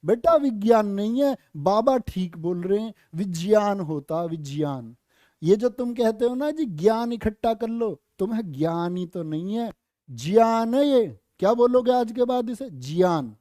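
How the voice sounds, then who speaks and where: A young male teacher running a Hindi exam-prep class with a high, soft-edged voice. He quizzes his students constantly, stretches out syllables to drill pronunciation, and slips in friendly jokes. The recording is close and dry. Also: no room sound. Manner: quizzing students with rhetorical questions, friendly jokey asides; drawn-out, careful pronunciation drills. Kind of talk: online exam-prep lesson.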